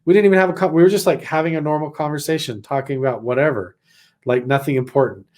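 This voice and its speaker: A man's voice: a little high, steady tone, fast, a little mellow. A man from Idaho telling a personal story in a casual, rambling way, full of "like" and acted-out quotes. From Idaho, USA. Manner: rambling, many "like" fillers, acts out quotes. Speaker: vlogger recounting a personal experience.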